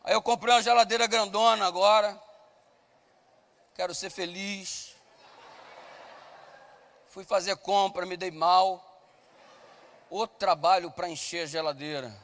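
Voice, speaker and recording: A male pastor preaching a sermon with comic stories, loud and at times shouting, acting out the voices of people in his stories. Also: sits high, steady tone, measured pace, pauses often, big-room sound, a little hiss or hum.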